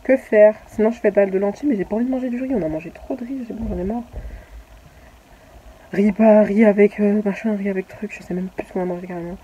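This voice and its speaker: A woman's voice: mid-range voice, fast talker, warm tone, slightly rough, dull audio. A young woman vlogging casually, rambling with many fillers and restarts. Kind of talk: casual chatty vlog.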